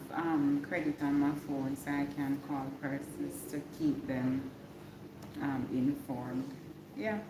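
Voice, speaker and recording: Jamaican woman livestreamer, casual update style with repeated phrases, in an echoey room with clear background noise. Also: sits low. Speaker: livestreamer giving a hurricane update. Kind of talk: casual live check-in chat with viewers.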